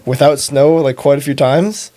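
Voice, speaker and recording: A man's voice: a little high, fairly even intonation, normal speed, mellow, no echo. Young man recounting a story plainly. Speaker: guest, host's son.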